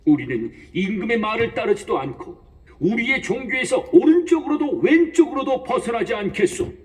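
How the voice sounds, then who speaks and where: A man's voice: mid-range voice, animated, moderate pace, lightly acted. Man acting an aged grieving patriarch. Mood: defiant. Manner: solemn declaiming. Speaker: Mattathias. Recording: distant voice over soft music.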